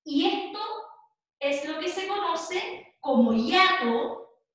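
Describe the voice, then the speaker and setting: A woman's voice: very high voice, lively intonation, slow, a bit bright. A woman with a Chilean Spanish accent teaching an online class, explaining patiently and often checking in with her students. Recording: very echoey room.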